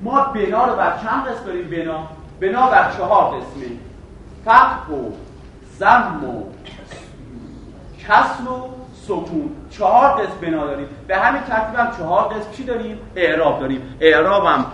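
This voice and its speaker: A man gives a grammar lecture in a classroom, sharp and forceful in tone and a little higher than most men. He keeps asking his students questions and then answering them himself. He is recorded from across a strongly echoing room with a faint hiss. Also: sing-song. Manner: stretches out example words slowly. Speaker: Arabic grammar teacher. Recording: echoey room, voice from a distance.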